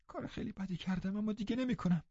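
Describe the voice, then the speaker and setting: A man's voice: high-pitched, dark tone, slightly rough, no room sound, highs cut off, pitched above the performer's own voice. A man voicing a distraught teenage girl who pleads breathlessly between sobs, in an audiobook reading. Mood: pleading.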